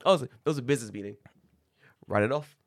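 A podcast co-host, his mid-range voice a little raspy after karaoke, talks fast in casual chat. He's an animated storyteller who acts out quoted dialogue and swears freely, recorded dry in a clean studio.

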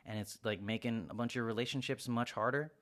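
A man's voice: mid-range voice, a little fast, a bit bright. A young man hosting a podcast, rambling through casual self-help advice and acting out short quoted exchanges in a raised voice. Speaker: podcast host.

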